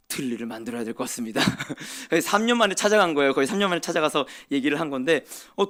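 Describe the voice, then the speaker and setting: A man preaching a sermon in church, swinging from loud emphatic cries to quiet asides. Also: fairly high pitch. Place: church sanctuary.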